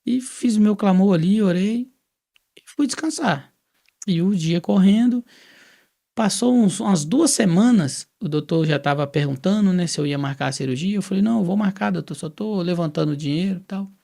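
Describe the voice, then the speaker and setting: A man's voice: high voice, moderate pace, creaky. A man from Brazil telling his personal testimony in a casual, storytelling way, acting out the dialogue he quotes. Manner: lively storyteller who acts out quoted dialogue.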